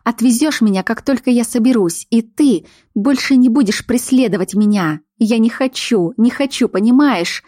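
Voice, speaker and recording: A woman's voice: fairly high pitch, normal speed, hardly any pauses, dark tone, no echo, clean studio sound, pitched above the performer's own voice, lightly acted. A woman voicing a frightened but defiant young fox-shifter woman in an audiobook, speaking in a raised, agitated voice. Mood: furious.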